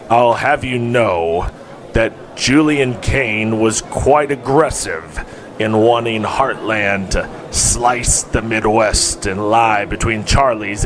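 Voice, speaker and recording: In an audio drama, an actor voices an older, proud wrestling promoter who delivers measured, formal speeches. The male voice is medium-pitched and fairly bright, with a bit of hiss or hum in the background.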